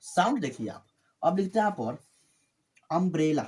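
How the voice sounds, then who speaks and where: A man tutoring English grammar, his voice lively and swinging up and down as he stresses each example. His pitch sits a little high for a man. He repeats key words and talks to viewers as his friends. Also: normal speed. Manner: repetitive, addresses viewers as friends. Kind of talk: classroom grammar lesson.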